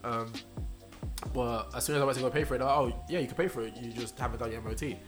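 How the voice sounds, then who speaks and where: A man co-hosting a casual podcast, rattling off his stories at a quick clip. His voice sits at an ordinary middle pitch, and soft music plays behind him. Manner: fast, chatty storyteller using slang. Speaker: podcast co-host. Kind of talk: casual chat.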